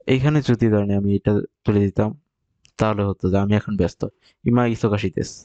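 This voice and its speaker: Low, mellow-voiced man teaching slowly. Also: steady tone, dry recording, highs cut off. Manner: explains step by step, repeats example phrases slowly. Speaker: Japanese language teacher. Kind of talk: recorded vocabulary lesson.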